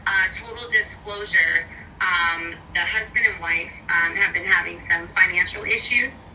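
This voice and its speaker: Heard over a distant phone line with faint noise and bad cell service, a woman who works as a real estate agent explains things at length in casual conversation. Her voice is fairly low, measured in pace and sharp in tone.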